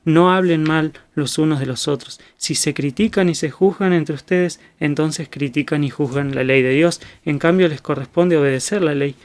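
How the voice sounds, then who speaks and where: Measured Rioplatense preacher, fairly high voice. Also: male voice. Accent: Rioplatense Spanish. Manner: measured, methodical explanation. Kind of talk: expository Bible teaching.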